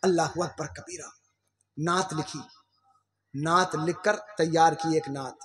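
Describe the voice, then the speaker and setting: A man's voice: a little high, steady tone, fairly bright tone, roomy sound. A man preaching a religious sermon with passion, firing rhetorical questions at his listeners and breaking into exclamations. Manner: impassioned, rhetorical questions to the crowd, frequent exclamations.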